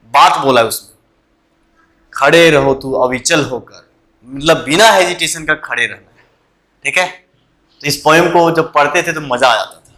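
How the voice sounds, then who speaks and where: A man's voice: fairly high pitch, sharp tone, rough recording. A man teaching an online vocabulary class, asking questions and answering them himself and repeating the key words.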